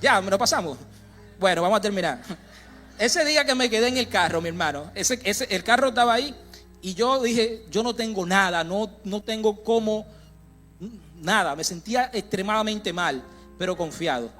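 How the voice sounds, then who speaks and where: A man's voice: sits high, animated, normal speed, pushed and bright, faint music behind. A young man preaching a sermon, telling a personal testimony in a conversational way, with frequent restarts and direct asides to the congregation. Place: church sanctuary.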